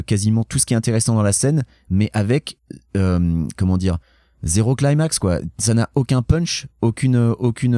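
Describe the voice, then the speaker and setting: A man with a low, mellow voice talks about a film in a relaxed, wry podcast chat. He is recorded close and dry, with no room sound around him. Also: no echo. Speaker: podcast co-host reviewing a film. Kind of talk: casual film review chat.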